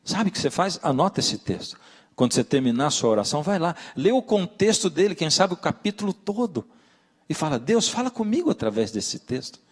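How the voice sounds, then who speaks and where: A man's voice: on the high side, expressive, brisk, husky. A man, a pastor preaching a sermon, telling stories and addressing listeners directly. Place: church. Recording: reverberant church hall.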